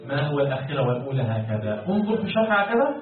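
A man's voice: mid-range voice, sing-song, racing, far from the mic, a little hiss or hum. A man as a sheikh teaching Quran commentary, asking his students questions and answering them himself, sometimes in a lilting chant. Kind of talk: classroom explanation with questions to students. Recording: echoey lo-fi phone-quality recording from afar.

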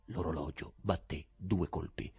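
A man narrating a novel in an expressive, theatrical reading, with a husky voice. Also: extremely low pitch, measured pace, dry recording, clean studio sound. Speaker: audiobook narrator. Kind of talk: dramatic literary reading.

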